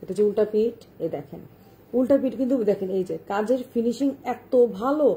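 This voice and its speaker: A woman's voice: fairly high pitch, expressive, brisk, mellow. A woman showing shawls on a live stream, chatty, repeating herself and urging viewers to look closely, slipping English words into her speech. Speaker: online shawl seller. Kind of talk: live-stream product showcase.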